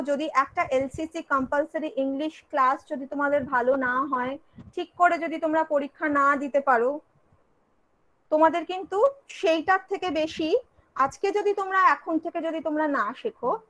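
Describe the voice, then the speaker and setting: A woman's voice: sits high, a bit bright, rough recording. A woman teacher with a Bengali accent giving an online English class, switching between Bengali and English and asking and answering her own questions.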